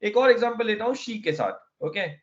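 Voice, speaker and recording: A man's voice: sits high, lively intonation, normal speed, lo-fi sound. A man teaching a classroom lesson, explaining step by step and often checking that students follow. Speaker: Arabic teacher.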